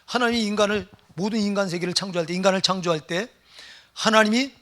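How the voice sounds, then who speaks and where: High bright-voiced Korean pastor preaching. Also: male voice, fast. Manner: preaching with rising fervor, calls of amen and hallelujah. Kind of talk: sermon. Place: church sanctuary.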